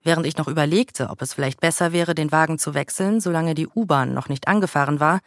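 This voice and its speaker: A man reading a first-person memoir aloud in a calm, measured way. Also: fairly high pitch, dry recording, studio quality.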